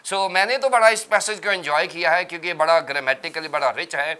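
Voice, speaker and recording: Bright, clear-voiced male pastor teaching. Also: fairly high pitch. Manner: teacherly, explaining terms step by step. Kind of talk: religious TV panel discussion.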